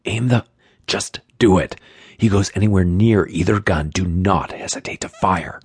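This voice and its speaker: A tough undercover cop, barking low, clipped orders through the pain of a wound. A male narrator plays him close to his own voice, deep and husky, in a dry, close read. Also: normal speed, no room sound. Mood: controlled.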